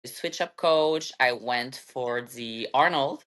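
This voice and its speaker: Low-voiced French Canadian woman. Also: takes it slowly, a bit bright. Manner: slightly nervous, chatty with fillers. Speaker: podcast guest, bodybuilder. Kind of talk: casual interview chat.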